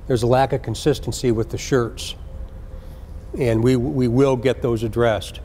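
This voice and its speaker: A man, a senior police official, gives an earnest, deliberate address to recruits, repeating key phrases for emphasis. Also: mid-range voice, steady tone, warm tone, a little hiss or hum.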